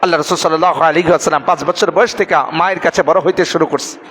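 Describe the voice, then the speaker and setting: A man's voice: fairly high pitch, steady tone, very fast, fairly bright tone, slightly rough, big-room sound. A man giving a Friday sermon, telling a story dramatically and acting out the characters' words. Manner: dramatic storytelling, acts out quoted speech. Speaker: preacher.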